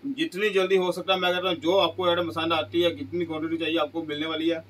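A middle-aged man pitching goods in a small clothing shop, asking each price aloud and answering it with exclamations. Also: flat delivery, quick pace, a bit bright, rough recording. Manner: repeats prices as questions, exclaims "wah ji wah". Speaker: shop seller. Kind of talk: sales pitch.

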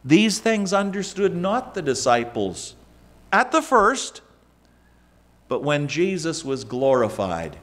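A middle-aged pastor preaches slowly and deliberately in a church sanctuary, his fairly high voice rising and falling for emphasis. He speaks into a lectern microphone, gesturing as he drives each point home. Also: sing-song. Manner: emphatic preaching with wide swings in pitch and loudness, gesturing. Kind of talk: sermon.

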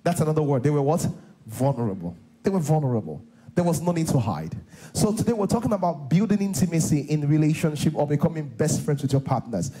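Preaching on a big church stage, a middle-aged Nigerian pastor speaks fast and animatedly, his fairly high voice warm and mellow through a close headset mic. He drives points home by repetition and calls for answers from the crowd, though the recording quality is low.

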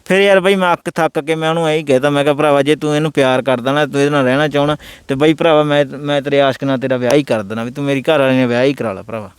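A man's voice: medium pitch, fairly even intonation, very fast, few pauses, clear, resonant tone, no echo. A man with a Malwa Punjabi accent telling his own story in an interview, aggrieved and repetitive, often checking agreement. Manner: aggrieved, repetitive, tag questions.

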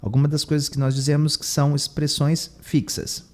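A man's voice: a little high, completely flat delivery, a little fast. A man with a Brazilian Portuguese accent teaching English, translating phrases line by line and repeating words for emphasis. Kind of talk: bilingual lesson explaining English.

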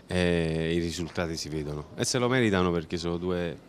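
Guy in his 40s, lowish voice, casual backstage interview on a handheld mic. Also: brisk. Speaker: interview guest, entertainer. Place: backstage at a theatre. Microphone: handheld interview microphone held by interviewer.

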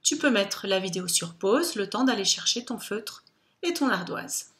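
A woman teacher giving a phonics lesson to young children, speaking slowly and patiently with careful articulation. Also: mid-range voice, lively intonation, a bit bright.

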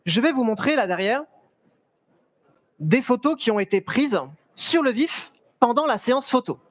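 A young man, a photographer, giving a lively, chatty talk on a fair stage through a headset mic, with many restarts and small jokes to the audience. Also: very high voice, normal speed, dry recording. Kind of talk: live stage presentation. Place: stage at a trade fair, large indoor hall.

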